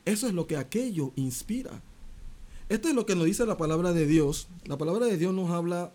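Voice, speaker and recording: A man's voice: sits high, brisk. A man preaching a sermon, retelling a parable and asking the listener direct questions. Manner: animated, expressive preaching, retelling a parable with quoted voices.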